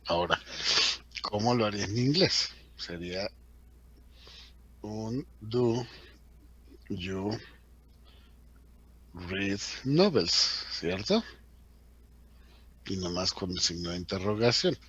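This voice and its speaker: A man's voice: on the low side, unhurried, pauses often, fairly bright tone, husky, muffled recording. A man teaching an English grammar class in a chatty way, asking his students questions as he goes. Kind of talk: classroom lesson explaining grammar.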